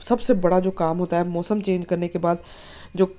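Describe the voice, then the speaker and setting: A woman's voice: lowish voice, little pitch movement, normal speed, mellow. A woman, narrating her home vlog in a chatty way, full of filler phrases. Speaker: vlogger.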